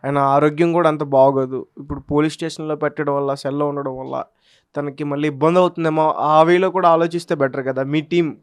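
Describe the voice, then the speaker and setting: A man's voice: fairly high pitch, steady tone, a little fast, clear, resonant tone, no room sound. Dry-sounding male interviewer, brief questions. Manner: brief acknowledgments, short probing questions.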